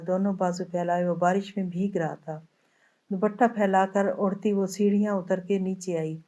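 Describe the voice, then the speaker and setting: A woman narrating a dramatic novel in a steady, even storytelling manner. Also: medium pitch. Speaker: audiobook narrator.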